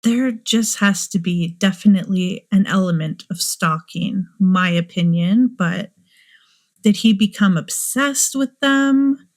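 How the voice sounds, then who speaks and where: A woman's voice: medium pitch, slow. A woman hosting a true crime show, musing aloud and asking many rhetorical questions. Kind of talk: speculative true crime commentary.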